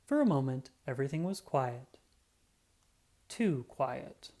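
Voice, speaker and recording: The narrator reads slowly in a mid-range voice, acting as a self-important cat detective spinning the tale of a children's picture book. The style is dramatic and expressive, with sound effects acted out.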